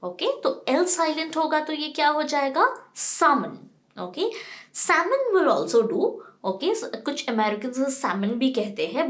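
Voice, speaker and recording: A woman's voice: a little high, a bit bright. An Indian woman teaching pronunciation in a casual lesson, spelling words out letter by letter and quizzing the viewer. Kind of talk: casual lesson mixing Hindi and English.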